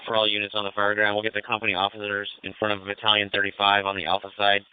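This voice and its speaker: A man's voice: lowish voice, completely flat delivery, rapid-fire, smooth, no echo. Man on a tinny two-way radio. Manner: clipped, procedural radio talk. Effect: two-way radio transmission. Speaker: fire incident commander. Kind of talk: fireground radio traffic. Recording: tinny narrow-band radio audio.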